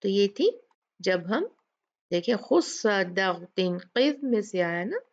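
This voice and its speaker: Slow, patient woman teaching Quranic recitation. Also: mid-range voice, expressive, creaky, lo-fi sound. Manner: patient, asks questions then answers them, draws out example words slowly. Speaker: Tajweed teacher. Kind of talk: slow explanatory lesson with recited examples.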